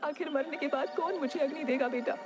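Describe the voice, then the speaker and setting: A woman's voice: high-pitched, brisk, over music, pitched above the performer's own voice, close to an everyday voice. A woman voicing a frail old village woman who is dying and weeping, in a cartoon story. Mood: sad, pleading. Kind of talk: cartoon dubbing.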